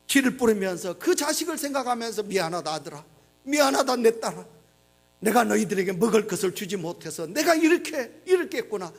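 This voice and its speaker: A middle-aged man preaching a sermon in church, moving between quiet reflection and loud, emotional storytelling. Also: high voice. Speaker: pastor. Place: church sanctuary.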